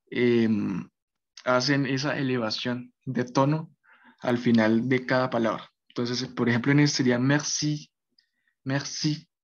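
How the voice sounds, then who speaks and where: A man teaching a basic French class, explaining patiently and often checking that his students follow. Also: medium pitch. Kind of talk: basic language lesson. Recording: dull lo-fi recording.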